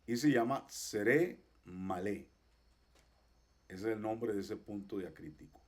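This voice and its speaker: A man teaching a class, patiently explaining pronunciation and repeating each example slowly. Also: on the low side. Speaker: Hebrew teacher. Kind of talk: online class.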